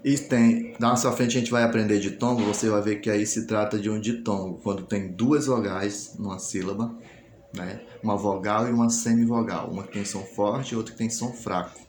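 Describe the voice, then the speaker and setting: A man's voice: fairly low pitch, steady tone, normal speed, a little mellow. A man teaching a recorded class, explaining step by step and asking and answering his own questions. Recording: echoey room, faint noise.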